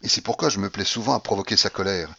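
A man's voice: on the low side, fast talker, gravelly, pushed and bright, husky, dry recording, lo-fi sound. A man giving a dramatic, impassioned reading of a classic novel in the first person, with a feverish delivery. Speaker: audiobook reader.

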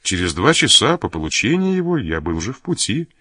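A man reading the part of a young nobleman who talks to his sister in a gentle, reassuring way. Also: on the low side, sing-song, brisk, husky, no room sound, clean studio sound, full character voice. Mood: cheerful. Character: young nobleman, caring and lightly joking brother.

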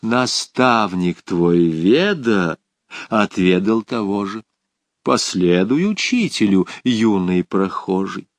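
A man reading an epic tale in verse, voicing a giant rider on a bull who speaks slowly and insistently. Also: fairly low pitch, expressive, no room sound. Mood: commanding.

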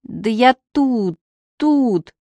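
A woman's voice: a little high, very slow, no echo, pitched above the performer's own voice. A woman voicing a frozen young male police lieutenant who talks through a blocked, nasal nose. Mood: dazed. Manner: flat, dazed and congested.

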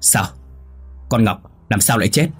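A man's voice: fairly low pitch, lively intonation, brisk, husky, soft background music. Man playing a scheming old master of the house.

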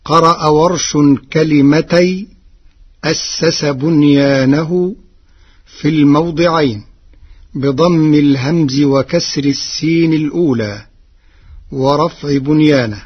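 A man with a slightly high, husky voice teaches a formal religious radio lesson. He speaks very slowly and deliberately, and he draws out the verses he quotes in a measured intonation. The sound is dull and lo-fi, like an old radio broadcast. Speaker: Quran reading scholar.

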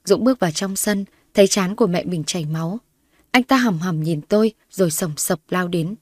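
A woman narrating a dramatic first-person story in a steady voice, recorded dry. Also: fairly low pitch, fairly quick, no echo.

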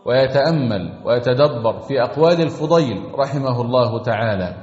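A man's voice: medium pitch, expressive, a little fast, darkish tone. A man preaching a sermon, exhorting his listeners with earnest, rhythmic repetition. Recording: echoey long reverb, dull sound, faint music.

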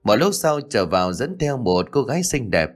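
A man narrating an audiobook story in a measured storytelling manner. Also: mid-range voice, very animated, faint music behind.

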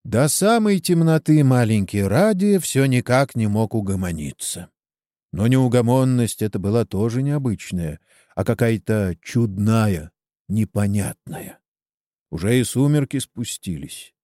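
A man narrating a sad storybook in an expressive, sorrowful way. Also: medium pitch, a little slow, no echo, studio quality. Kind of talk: storybook reading.

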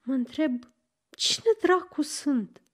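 A courteous, dryly amused young man in a spoken storybook, given voice by a woman reader. He keeps his tone polite and a little wry. The voice sits fairly high. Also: a bit bright. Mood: musing.

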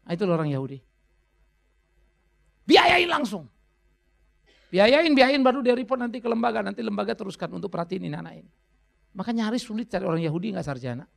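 Animated gravelly-voiced male pastor preaching. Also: high-pitched, fast, long pauses. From Indonesia. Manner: animated, switches into playful voices and English phrases. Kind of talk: sermon.

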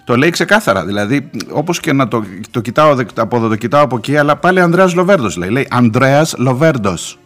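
A middle-aged man hosting a radio show, giving sarcastic, mocking news commentary and reading documents aloud in halting English. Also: mid-range voice, big pitch swings, fairly bright tone, soft background music. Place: radio studio.

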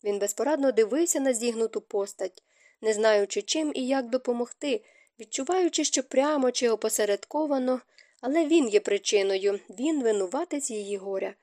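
Brief: woman audiobook narrator, dramatic storytelling, fairly high mellow voice, dry close sound. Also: moderate pace, no echo. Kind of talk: scripted narration.

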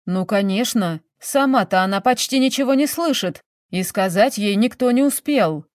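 A woman's voice: mid-range voice, expressive, normal speed, no echo, lightly acted. A woman reading a story, voicing a dry, terse old male butler who answers in short, grumbling phrases. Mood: fretful. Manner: curt and grumbling.

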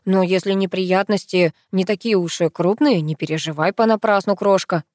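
A woman's voice: mid-range voice, steady tone, moderate pace, a little mellow, no echo, clean studio sound, close to an everyday voice. A woman voicing an easygoing, teasing young man who jokes lazily. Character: young man, easygoing joker, donut-eating.

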